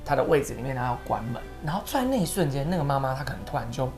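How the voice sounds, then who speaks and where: Woman, low voice, quick and lively delivery, emotional storyteller, music behind. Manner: emotional, tearful at moments, animated storytelling. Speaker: guest. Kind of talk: storytelling interview.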